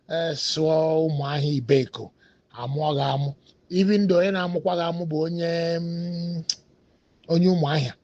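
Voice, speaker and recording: Here a man with a fairly high, slightly rough voice and vocal fry gives meandering, casual commentary in a Nigerian Igbo accent, mixing English and Igbo as a native Igbo speaker with many hesitant fillers. The recording is dry, dull, and lo-fi.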